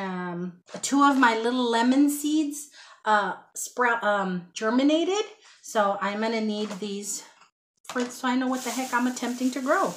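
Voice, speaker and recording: A woman's voice: mid-range voice, a little hiss or hum. A woman, chatting casually to a webcam at home as she shows her shopping haul, rambling with self-deprecating asides. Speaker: haul vlogger. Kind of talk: casual haul chat to camera. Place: small home room with shelves, indoors.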